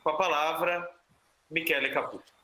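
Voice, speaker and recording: A man with a Brazilian Portuguese accent moderating a seminar, making measured, courteous announcements over an online call. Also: on the high side, background noise. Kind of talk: formal event moderation. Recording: echoey room.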